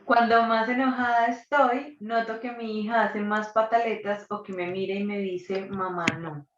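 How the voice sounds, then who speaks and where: A woman's voice: fairly high pitch, little pitch movement, moderate pace, background noise. A woman, a psychologist and doula, leading a live online workshop and asking the audience reflective questions. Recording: distant, dull, roomy recording.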